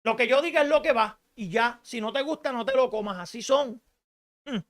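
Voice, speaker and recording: A woman preaching a radio sermon in an emphatic style, rising to shouts and asking rhetorical questions. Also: fairly high pitch, moderate pace.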